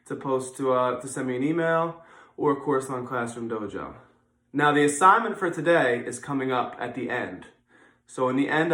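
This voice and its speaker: A man's voice: mid-range voice, fairly bright tone. A man giving an instructional exercise demonstration as a gym teacher, informal and encouraging, repeating his instructions and raising his voice for counts. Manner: encouraging, counts repetitions aloud in raised voice. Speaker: physical education teacher. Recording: echoey room.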